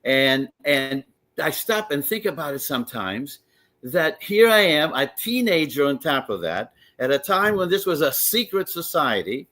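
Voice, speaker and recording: A man's voice: a little high, big pitch swings, a little slow, pushed and bright. An older man from Greece, a wrestling commissioner, talking eagerly as a guest on a sports talk show and telling stories with many restarts. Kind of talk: casual radio interview.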